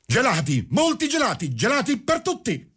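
A man's voice: medium pitch, wildly swooping pitch, very slow, bright, forceful tone, husky, voice pushed up, full character voice. A man voicing a deranged man who calls himself a Major, wailing in frantic, tormented outbursts. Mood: triumphant.

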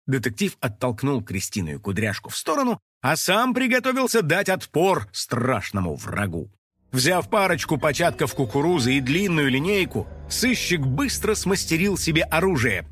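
A man narrating a children's audio story in an animated, scripted style. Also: a little high, normal speed, breathy edge, no room sound, faint music behind.

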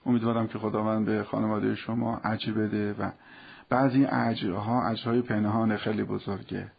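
A man's voice: lowish voice, level tone, vocal fry, slightly rough, muffled recording. A man giving a religious talk as a radio guest, with a fervent, preacherly delivery that rises into passionate appeals.

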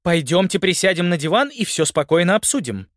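A man's voice: a little high, very animated, brisk, no room sound, clean studio sound, voice pushed up. A man voicing a stern, commanding policewoman aunt in an audiobook.

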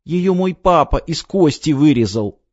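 Guy putting on a little girl's voice, high and pleading, gets shrill, lively, dry kinda dull recording. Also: unhurried, dry recording. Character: little girl time traveler, stubborn and tearful.

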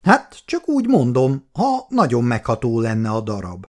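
A man's voice: mid-range voice, huge pitch swings. A man voicing a doting, fussy middle-aged mother in a reading. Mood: fussing.

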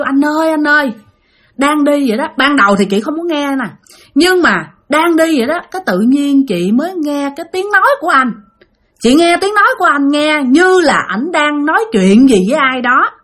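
A woman's voice: sits high, lively intonation, fairly quick, fairly bright tone. A woman with a Southern Vietnamese accent telling a spooky story in a chatty way, speaking straight to her listeners. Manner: chatty, addresses listeners directly. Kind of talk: spoken ghost story narration.

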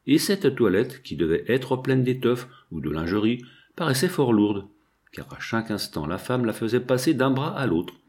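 A man reading a first-person literary novel as an audiobook, measured and expressive. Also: medium pitch. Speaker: audiobook narrator.

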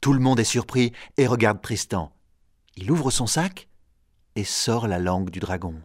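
A man reading a storybook aloud in slow, clear, even narration for learners. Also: lowish voice, dry recording. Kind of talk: scripted audiobook narration for learners.

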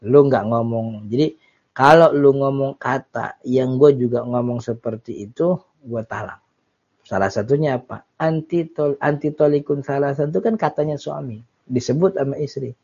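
Male teacher, relaxed and joking, mellow dark voice, dull lo-fi recording. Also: mid-range voice, moderate pace. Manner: relaxed, joking, reads Arabic then explains. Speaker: Islamic teacher. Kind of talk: casual kitab study lesson.

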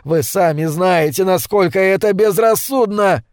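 A man's voice: measured pace, darkish tone, dry recording, studio quality. A man reading aloud, voicing a frantic man who pleads for his life in a raised, strained voice. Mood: pleading. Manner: high, strained, urgent pleading.

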